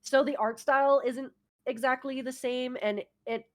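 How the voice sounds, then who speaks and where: A woman's voice: high voice, steady tone, moderate pace. A woman chatting casually as a laid-back VTuber guest in an interview, giggly and loose in her phrasing.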